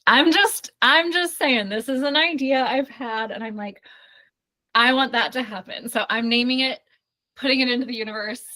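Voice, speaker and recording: A bright-voiced woman wraps up a live online workshop she is hosting. She talks effusively and reassuringly, addressing the viewers directly. The sound has the feel of a video call mic. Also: fairly high pitch, normal speed. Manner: effusive, affirming, talks straight to the audience. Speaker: workshop host and studio founder.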